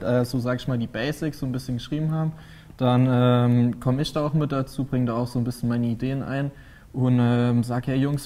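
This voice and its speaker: A man's voice: mid-range voice, mellow. An eighteen-year-old man, a drummer, speaking casually with fillers in a TV studio interview. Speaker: band drummer. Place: small TV studio.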